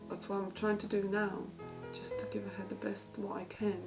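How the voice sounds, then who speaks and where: Gravelly woman speaking haltingly over guitar. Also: mid-range voice, flat delivery, low-quality recording. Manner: hesitant, halting speech with many restarts. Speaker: parent carer. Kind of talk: interview testimony. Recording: guitar music playing behind.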